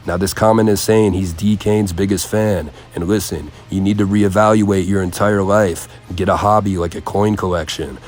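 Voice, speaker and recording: A man narrating a commentary video in a deadpan, mocking way. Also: deep voice. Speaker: commentary host. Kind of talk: scripted commentary voice-over.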